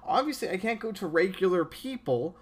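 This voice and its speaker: A man's voice: sits high, expressive, a little fast, breathy edge. Earnest man preaching on a podcast. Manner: earnest, preachy, with frequent restarts and stammers. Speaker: podcast host.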